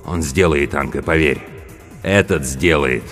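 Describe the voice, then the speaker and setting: A man's voice: rumbling low, a little slow, fairly bright tone, heavily acted. A man voicing a ruthless, commanding brigade leader in an audiobook, speaking curtly and barking orders. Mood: insistent. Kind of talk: audiobook character voice. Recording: reverberant room, faint music behind.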